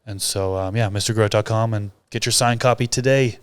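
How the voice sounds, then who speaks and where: A man co-hosting a podcast, speaking in an even, plain-spoken casual chat. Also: on the low side, a little fast, clean tone, dry recording. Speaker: podcast co-host and book author.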